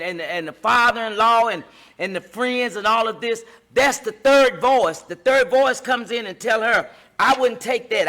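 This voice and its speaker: A middle-aged woman with a slightly high, fairly bright voice hosts a relationship advice talk. Her preaching-style delivery is emphatic and follows a repetitive, sermon-like cadence.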